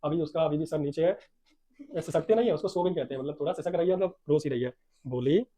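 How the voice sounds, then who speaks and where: A young male teacher giving a casual lesson, reading English lines slowly and explaining them in quick, softer Hindi, sometimes acting out the characters. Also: fairly high pitch, poor audio. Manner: acts out the story's characters in small bits.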